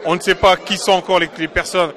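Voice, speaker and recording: Congolese guy being interviewed outside, high bright voice, keeps hammering his point, faint crowd behind. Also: level tone, fairly quick. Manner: emphatic, insistent, repeats his points. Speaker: diaspora political activist. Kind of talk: interview answers.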